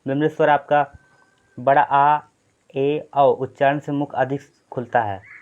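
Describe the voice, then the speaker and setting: A man's voice: mid-range voice, little pitch movement, takes it slowly. A man teaching an exam-prep Hindi grammar lesson. He explains step by step, repeats points and often checks in with "thik hai". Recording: slightly dull lo-fi sound.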